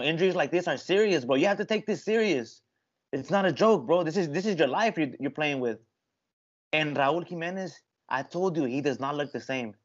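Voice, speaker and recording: A man chatting casually as a sports podcast panelist, talking like a slangy frat bro and often repeating his phrases. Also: on the high side. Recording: slightly dull lo-fi sound.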